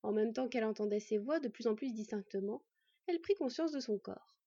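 A woman narrating a story aloud in a calm, even reading voice, in a slightly muffled recording. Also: fairly high pitch, brisk, slightly rough, no room sound.

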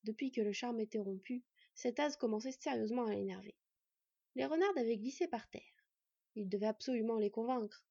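A woman reading a story aloud as narrator in an even, measured way. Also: fairly high pitch, vocal fry, slightly rough, no echo, lo-fi sound. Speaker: audiobook narrator.

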